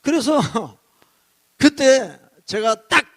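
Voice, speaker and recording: A high-pitched male pastor preaching in a church. He tells a personal testimony with lively, emotional storytelling, and at moments it breaks into full shouts. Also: extremely slow. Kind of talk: revival sermon testimony.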